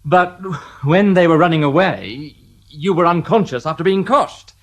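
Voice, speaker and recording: A man's voice: a little high, moderate pace, lightly acted. A man playing a sardonic police inspector. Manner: dry, sardonic, politely needling. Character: shrewd wry male police detective inspector. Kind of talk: radio drama acting.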